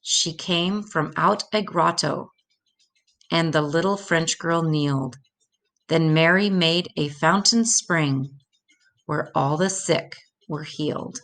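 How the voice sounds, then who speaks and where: An older woman reads a rhymed children's picture book aloud from a script as a storyteller, her voice slightly low for a woman, creaky, and fairly bright. She moves through the verse very slowly, shaping each line deliberately for young listeners in a measured read-aloud style.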